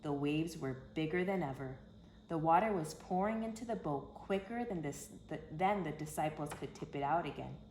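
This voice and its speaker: Her voice is low and a little mellow, with lively intonation and normal speed, as she reads a children's picture book expressively. She phrases it dramatically and emphatically in an echoey room with faint background noise.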